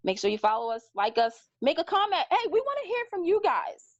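A woman's voice: extremely high pitch, big pitch swings, brisk, no room sound. Chatty woman co-host, dull dry sound. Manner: chatty, giggly, playful. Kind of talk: casual show chat.

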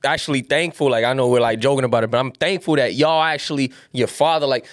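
A man's voice: mid-range voice, fast talker, no room sound, clean studio sound. A man in a casual chat, telling things in a slangy, rambling way full of bro talk. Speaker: music producer.

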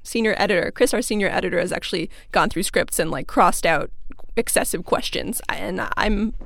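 A woman co-hosting a podcast, lively and upbeat as she moves between casual chat and narration. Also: mid-range voice, a little fast, gravelly, no room sound, studio quality. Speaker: podcast co-host.

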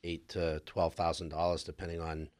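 A man's voice: sits low, little pitch movement, normal speed, darkish tone. A male funeral director on a radio show as a guest, explaining costs matter-of-factly. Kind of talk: radio interview.

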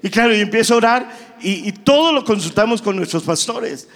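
A man tells a church testimony in a conversational way, often quoting what others said. His voice is unusually high for a man. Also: animated, fairly quick, fairly bright tone. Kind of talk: testimony storytelling.

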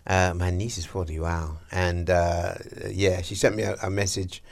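Deep gravelly man hosting breakfast radio. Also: little pitch movement, moderate pace. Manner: chatty, preacherly, lots of agreeing yeahs. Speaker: radio show host. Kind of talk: casual on-air chat about faith.

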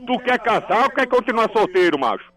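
Boisterous male Northeastern Brazilian comic host played by a man, bright forceful high voice, stuttering banter, mock insults. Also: lively intonation, a little fast, faint music behind, poor audio. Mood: teasing. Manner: stammering repetitions, folksy slang, mock insults. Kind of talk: comic radio banter with a caller.

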